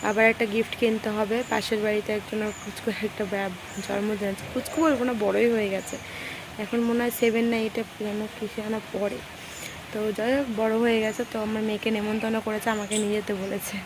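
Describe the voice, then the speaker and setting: A homemaker chats easily through her daily chores, keeping her voice low and hushed. Her pitch sits in a middling range, with no strain or drama. There is a faint hum of outdoor noise behind her. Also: level tone, quick pace. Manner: talks softly in a hushed voice. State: hot and sweaty. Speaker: lifestyle vlogger and homemaker. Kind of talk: casual chatty vlog narration. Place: rented village home, indoors and outdoors.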